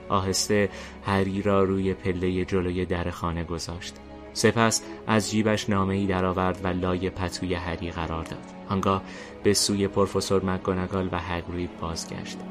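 Male narrator, very deep voice, steady scripted reading, faint music under. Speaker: narrator and host.

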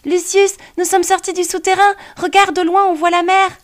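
A woman voicing an excited, wide-eyed little boy with a very high, eager voice. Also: moderate pace.

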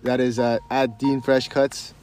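A man's voice: medium pitch, level tone, unhurried, a little mellow. Man, slight lisp, easygoing podcast guest, mid voice, faint music. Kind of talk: casual podcast chat.

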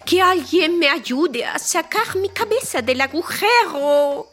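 A woman's voice: very high-pitched, animated, slow pace, a bit bright, soft background music, voice pushed up, exaggerated voice. A woman voicing a panicky female ostrich with her head stuck in a hole, crying out shrilly for help. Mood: panicked.

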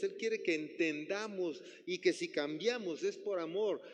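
A man's voice: sits high, big-room sound. A man preaching a sermon, often asking the congregation questions. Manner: asks the congregation questions, acts out quotes. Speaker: pastor.

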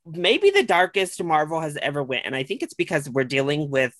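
Bright-toned man chatting about movies. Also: a little high, big pitch swings, a little fast, dry recording. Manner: chatty, laughs often, trails off mid-sentence. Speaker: podcast co-host. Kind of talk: casual movie review chat.

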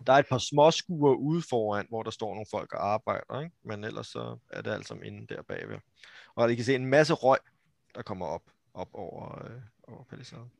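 A man's voice: mid-range voice, vocal fry, no echo, studio quality. A man running a tabletop role-playing game, describing the scene with many hesitations and restarts. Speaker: game master.

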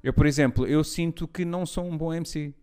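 A man's voice: fairly high pitch, fairly even intonation, a little fast, dark tone, clean tone, soft background music. A man speaks in a clean, resonant voice. He talks casually and thoughtfully, laying out his points and looking for agreement as he goes. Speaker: stand-up comedian. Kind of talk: casual conversation.

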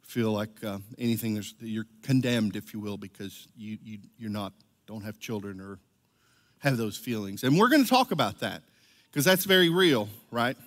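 A man's voice: fairly low pitch, normal speed, a bit bright. A middle-aged man, a church elder, preaching a conversational sermon and telling stories, often checking in with "right?". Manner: chatty storytelling, keeps asking "right?". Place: church sanctuary. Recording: long reverb of a large church hall.

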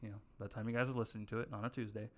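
A man's voice: lowish voice, little pitch movement, rapid-fire. A young man co-hosting a podcast, telling a long story in casual chat with many fillers and restarts. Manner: rambling, filler-heavy storytelling. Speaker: podcast co-host.

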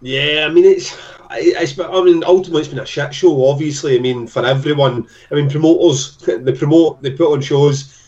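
A man with a broad, thick Scottish accent from Glasgow, chatting in an excitable way as an interview guest. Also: fairly high pitch, normal speed, recorded from a distance, muffled recording. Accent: broad Glaswegian Scottish. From Scotland. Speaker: podcast guest, festival promoter. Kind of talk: casual interview chat.

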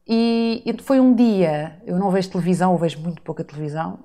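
A woman's voice: fairly low pitch, fast, mellow. A woman in her forties from the Azores, telling her life story as a guest in a casual interview, reflective and full of rhetorical asides. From Azores, Portugal. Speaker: podcast guest.

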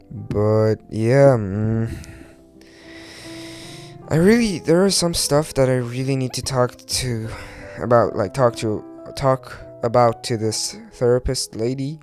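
The solo podcast host is a young man speaking non-native English with a Turkish accent and blurred R and L sounds. His mid-range voice is a little mellow. He talks in a casual, rambling way, hesitating, hunting for words and letting slip mild swearing.

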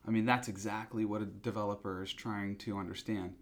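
A man speaking as a company representative in a business interview, explaining in a halting, conversational way. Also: on the low side, steady tone.

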